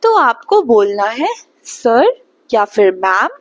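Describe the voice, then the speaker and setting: Young woman from bihar teaching english, slow and careful, voice goes up and down a lot, dry close sound. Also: fairly high pitch, sing-song, dry recording. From Bihar, India. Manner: slow, patient teaching, checks understanding often. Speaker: English tutor. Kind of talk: spoken English lesson.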